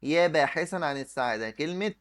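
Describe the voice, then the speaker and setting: A man's voice: on the high side, expressive, quick pace, fairly bright tone. A man with an Egyptian accent teaching an exam review lesson, explaining step by step and answering his own questions while he writes on the screen. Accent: Egyptian Arabic. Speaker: Arabic teacher.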